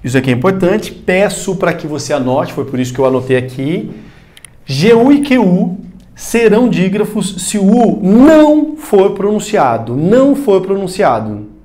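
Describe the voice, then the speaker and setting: A man's voice: high-pitched, sing-song, moderate pace, warm tone. A man teaching a recorded grammar lesson, talking straight to the student and repeating the key points.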